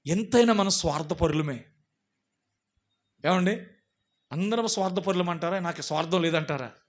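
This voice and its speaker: A pastor with a Telugu accent preaching a sermon, swinging from loud emphatic repetition to low asides and direct questions to the congregation. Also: male voice, normal speed.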